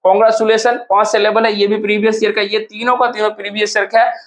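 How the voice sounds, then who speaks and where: A male teacher with a Bihar Hindi accent casually and encouragingly walks students through exam solutions. His voice sits high and fairly bright, with a level tone and a quick pace.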